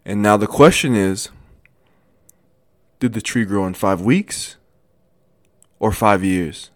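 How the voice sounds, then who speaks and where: A man in his twenties telling a motivational story in a casual, animated way, with many restarts and repeated phrases. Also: fairly low pitch, slow pace, no echo, clean studio sound. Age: 20s. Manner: animated, repetitive, lots of restarts. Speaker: motivational vlogger.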